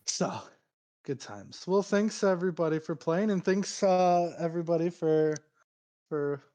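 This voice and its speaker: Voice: medium pitch, animated, measured pace, dark tone. A game master in casual chat, closing out a tabletop game stream, laughing often and repeating words.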